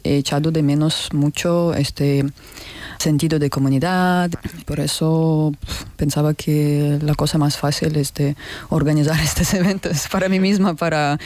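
Slow, halting woman from North Ossetia. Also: sits low, steady tone, darkish tone, dry recording. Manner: halting, searching for words in Spanish. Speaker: community founder, guest. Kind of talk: radio interview.

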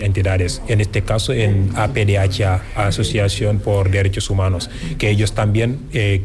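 Low-voiced man explaining formally. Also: darkish tone, slight background noise. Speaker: association leader. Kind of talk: interview answers.

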